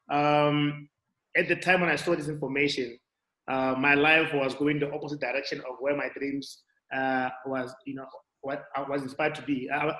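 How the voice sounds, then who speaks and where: A man from South Africa speaking on a video call, giving a motivational sales presentation in a halting way, full of fillers and restarts. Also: on the high side, fairly bright tone. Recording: echoey room audio.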